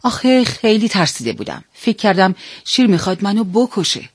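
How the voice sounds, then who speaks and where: A man's voice: sits high, big pitch swings, dry recording, studio quality, voice pushed up. A man voicing a timid, naive male donkey who sounds fearful and pleading. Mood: frightened.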